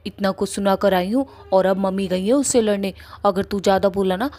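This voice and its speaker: A woman voicing a feisty young woman in a cartoon, who is blunt and quick to threaten. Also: medium pitch, steady tone, mellow, faint music behind, close to an everyday voice. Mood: angry.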